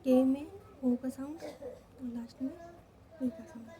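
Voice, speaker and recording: Slow, high-voiced woman teaching step by step. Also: fairly even intonation, dark tone. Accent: Hindi. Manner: slow, repeats each step, checks in with "theek hai". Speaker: shorthand teacher. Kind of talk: step-by-step lesson.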